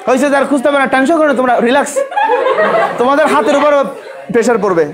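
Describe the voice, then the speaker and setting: A man's voice: extremely high pitch, racing, a loud crowd. A male biology teacher lecturing a class, drilling students with repeated questions and scolding those who talk.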